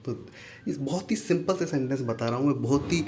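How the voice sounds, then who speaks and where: A man teaching spoken English, repeating each phrase slowly and breaking it down word by word in a friendly, chatty way. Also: medium pitch, darkish tone, slight background noise. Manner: friendly, addresses viewers as friends.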